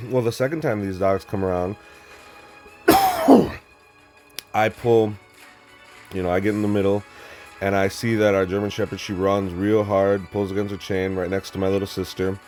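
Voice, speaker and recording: A young man with a very deep, low voice tells a story in a loose, rambling way, swearing freely and restarting his sentences often. Faint music plays underneath. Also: takes it slowly, long pauses, a little mellow. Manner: rambling, blunt and profane, with many restarts. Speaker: vlogger. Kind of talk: casual storytelling monologue.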